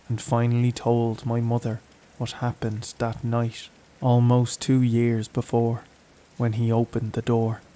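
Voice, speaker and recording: A man narrating a horror story in a slow, even, somber read. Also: medium pitch. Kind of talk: scripted narration.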